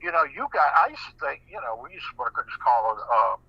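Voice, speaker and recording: A man with an American accent talking casually on a radio show, animated and often repeating words as he restarts. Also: medium pitch, fast, creaky, slightly rough, no echo. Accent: American English. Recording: muffled radio broadcast.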